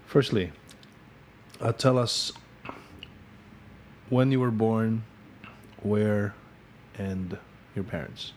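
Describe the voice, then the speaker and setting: A man with a Filipino accent hosting an interview podcast, giving a formal, measured introduction of his guest. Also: lowish voice, slight background noise. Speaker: podcast host.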